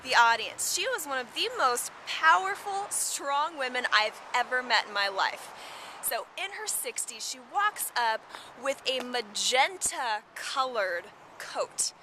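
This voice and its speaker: An upbeat woman vlogger shares tips outdoors, stressing her key points over and over. Her voice is high and bright, with a faint hum of the outdoors behind her. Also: expressive, a little slow. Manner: upbeat, emphatic, repeats key words. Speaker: vlogger giving storytelling tips. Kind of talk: casual instructional vlog.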